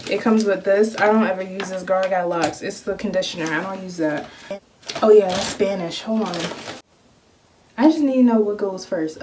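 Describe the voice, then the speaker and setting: A woman's voice: mid-range voice, distant mic. Young female vlogger, chatty and blunt with a cheeky edge, recorded at home slightly off-mic. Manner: blunt, playful, swears freely. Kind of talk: casual chat to camera. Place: at home doing her hair. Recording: home video, voice a bit off-mic, faint noise.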